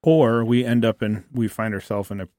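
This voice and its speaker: Man, low-ish voice, dry close mic, halting conversational guest who thinks aloud. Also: steady tone, warm tone, dry recording. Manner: thoughtful, halting, many restarts and fillers. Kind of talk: casual church podcast chat.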